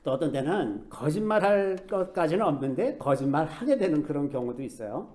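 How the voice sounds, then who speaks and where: A middle-aged man preaching a sermon as a pastor, telling stories in a conversational way and softly acting out quoted speech. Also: a little high, sing-song, brisk.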